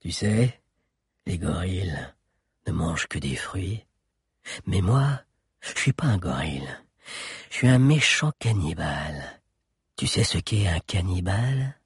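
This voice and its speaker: A man voicing a huge teenage boy leader who speaks calmly and threatens in a low voice. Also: a little slow, pauses often, breathy edge, no room sound, clean studio sound, heavily acted. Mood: menacing. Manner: calm, commanding, low menace. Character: giant teenage boy leader, bold and menacing.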